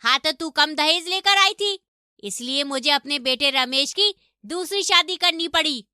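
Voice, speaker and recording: A woman voicing a harsh, domineering middle-aged mother-in-law in an animated story, taunting and scolding her daughter-in-law. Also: sits high, unhurried, no echo, studio quality, exaggerated voice.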